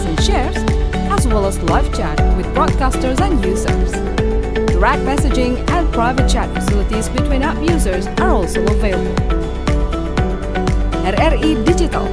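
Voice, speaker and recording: A woman reading an upbeat radio station promo. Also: high voice. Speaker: ad announcer. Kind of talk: promo read over music. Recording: loud music bed under voice.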